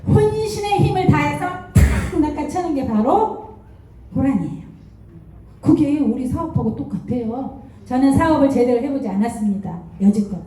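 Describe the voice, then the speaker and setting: High-voiced woman in an echoey hall. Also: normal speed, recorded from a distance, faint music behind. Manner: animated storytelling with rhetorical questions. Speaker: network marketing distributor giving a talk. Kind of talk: motivational seminar talk. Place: lecture hall.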